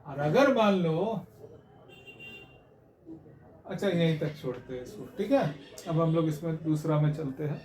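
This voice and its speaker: A man teaching English grammar in a classroom lesson, explaining slowly and checking in with his students again and again. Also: on the high side, lively intonation, darkish tone, a little hiss or hum. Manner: explains slowly, repeats and checks with "haan?" and "theek hai?". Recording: echoey room, mic far off.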